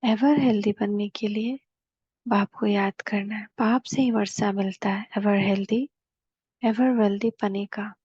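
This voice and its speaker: A woman giving a devotional class, explaining scripture in a homely storytelling way with slow, emphatic repetitions. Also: medium pitch, fairly even intonation, dark tone, slightly rough, no echo. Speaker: spiritual teacher. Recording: slightly dull dry recording.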